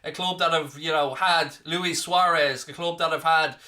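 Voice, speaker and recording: Filling in on a live football watchalong stream, this Irish man from the southeast reads the comments and banters cheekily with viewers. His voice is fairly high, bright and forceful, with a fairly even intonation and moderate pace.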